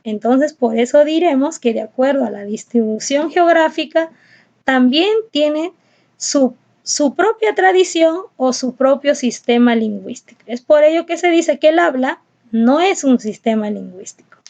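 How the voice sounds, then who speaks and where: High-voiced woman teaching a lesson. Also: animated, moderate pace, a little mellow, dull audio. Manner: explanatory, asks and answers her own questions. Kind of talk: recorded class lesson.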